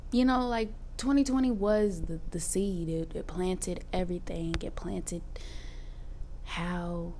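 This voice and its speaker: A woman's voice: medium pitch, vocal fry, darkish tone, slight background noise. A twenty-year-old woman hosting a casual solo podcast, speaking candidly and expressively in informal slang full of y'alls while dealing with cramps and tooth pain. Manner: informal Southern-style slang, y'all and finna. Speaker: podcast host. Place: apartment room.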